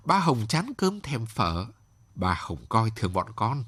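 A husky, blunt young woman dancer speaking in a lively, swooping voice, as a male storyteller puts her on. She sounds tired of her hard life and talks frankly, with a close, dry sound. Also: lowish voice, a little slow, no room sound, full character voice. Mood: weary frank.

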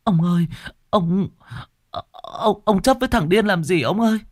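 A man's voice: high voice, moderate pace, pitched above the performer's own voice. A man voicing an older village wife who pleads in a sobbing way. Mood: pleading.

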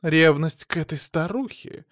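A man's voice: fairly high pitch, animated, measured pace, fairly bright tone, no room sound, clean studio sound, pitched above the performer's own voice. A man voicing a silly, childish, vain young wife in a pouty, wheedling voice. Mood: shrill, indignant.

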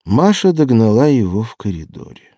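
A man narrating an audiobook in a measured storytelling manner. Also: medium pitch, big pitch swings, warm tone, breathy edge, dry recording, studio quality. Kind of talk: scripted narration.

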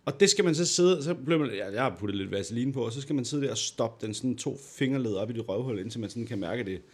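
A man's voice: mid-range voice, slightly rough. A man co-hosting a podcast, casually telling a personal story and acting out the people in it. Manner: animated storyteller, acts out quoted voices. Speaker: podcast co-host.

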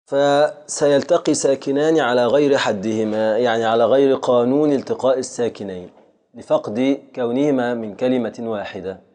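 A man with an Egyptian accent, a sheikh giving a classroom lecture on grammar and patiently repeating each example slowly. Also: mid-range voice, mellow. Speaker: sheikh teaching a grammar text.

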